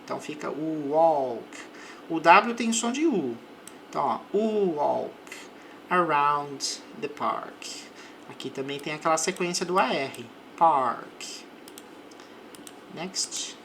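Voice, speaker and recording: A man with a Brazilian Portuguese accent teaching English, explaining words patiently and slowing down to model each example phrase. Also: a little high, expressive, a bit bright, a little hiss or hum. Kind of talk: slow explanatory language lesson.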